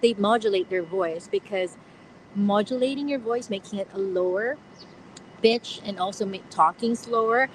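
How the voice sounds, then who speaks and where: A woman's voice: mid-range voice, fairly bright tone, poor audio. Young woman, livestream host, chatty, laughs a lot, outdoors, faint street noise. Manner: chatty, laughs often, many fillers. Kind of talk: casual live Q&A chat. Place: outdoors on a platform.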